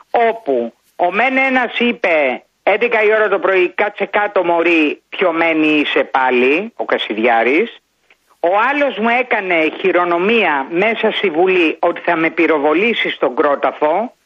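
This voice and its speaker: A woman's voice: fairly low pitch, husky. A woman, a member of parliament, speaking as a guest in a phone-in radio interview, telling her story emphatically and with indignation. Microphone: telephone. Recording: dull phone line.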